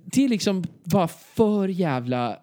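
A young man telling a comic story on a podcast, acting out his own lines in a high voice and laughing often. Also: very animated, mellow. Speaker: podcast co-host.

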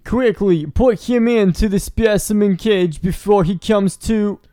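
A man voicing a blustering male alien invader in loud, slow, stilted villain speech. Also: high-pitched, dry recording, clean studio sound, voice pushed up. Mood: menacing.

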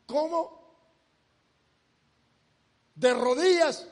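A man preaching a sermon in a very high voice, drawing his words out slowly. He is emphatic and keeps repeating himself as he urges the congregation to look. A long reverb trails after his words.

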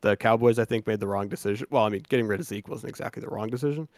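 A man's voice: fairly low pitch, racing, dry recording. A man co-hosting a sports podcast in loose, casual chat, swearing freely and restarting his sentences often. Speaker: podcast co-host.

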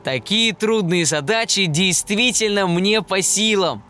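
A man's voice: high-pitched, expressive, measured pace, sharp tone, faint music behind, voice pushed up, heavily acted. A man voicing a clever, proud male professor who eagerly explains his reasoning in a storybook reading.

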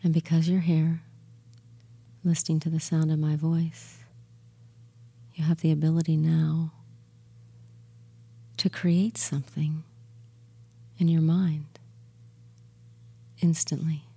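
A woman guiding a relaxation and hypnosis session in a soothing, gentle, soft murmur that is breathy and near a whisper at times, with long pauses. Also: low voice, little pitch movement. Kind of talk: guided meditation and hypnosis induction.

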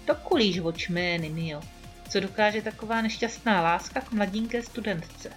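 A woman's voice: medium pitch, soft background music, natural voice. A woman reading the part of a middle-aged husband who teases in a dry, self-satisfied way. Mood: smug.

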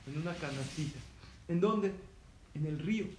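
A man's voice: on the high side, moderate pace, a little mellow. A man giving a religious lesson in story form, asking his listeners questions and acting out the quotes. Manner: asks the audience questions, acts out quotes. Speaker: rabbi teaching a lesson. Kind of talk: sermon-style storytelling lesson. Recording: echoey room with faint ambient noise.

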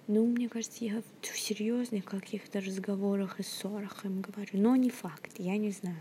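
A young woman hosting her own podcast gives a casual, rambling monologue from indoors at her workplace, often half-whispering into her phone with hesitant fillers and restarts. Her mid-range voice is mellow, with slight background noise.

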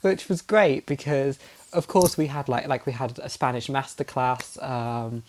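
A man's voice: medium pitch, fairly even intonation, a little slow, a little mellow, slight background noise. A young man from the chatting casually as a student, upbeat, with frequent laughs and fillers. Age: young adult. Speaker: student podcast guest. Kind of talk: casual chat.

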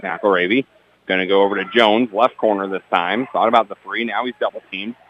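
A man with a lowish voice calls a basketball game play by play, rattling off each pass in rapid player-by-player fashion with dry asides about the refs. His intonation stays fairly even, and the lo-fi recording carries slight background noise.

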